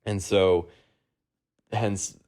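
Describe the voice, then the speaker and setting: A man's voice: sits low, fairly even intonation, very slow, a little mellow. A man hosting a casual podcast, rambling through a movie plot recap with lots of ums and uhs among friends. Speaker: podcast host.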